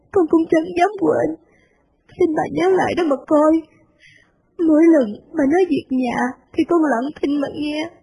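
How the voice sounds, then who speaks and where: A woman voicing a meek, devoted young servant girl who speaks softly and deferentially. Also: sits high, creaky, voice pushed up, poor audio. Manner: soft, slow, deferential.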